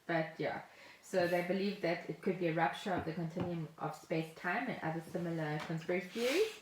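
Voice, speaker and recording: A middle-aged South African woman co-hosts a podcast, explaining things in casual conversation and now and then reading from notes. Her voice is fairly low and fairly quick, with slight background noise and the roomy echo of a home podcast setup.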